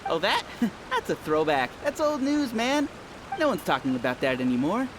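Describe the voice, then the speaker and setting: A man's voice: high-pitched, big pitch swings, moderate pace, background noise. A man playing a breezy, dismissive young townsperson in a video game, casual and scoffing. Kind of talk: video game character dialogue.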